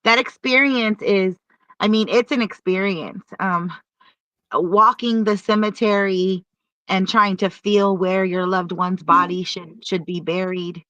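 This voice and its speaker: A woman co-hosting a casual chat, giving earnest, lecturing advice with drawn-out phrases. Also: medium pitch, steady tone, a bit bright, no room sound, dull audio.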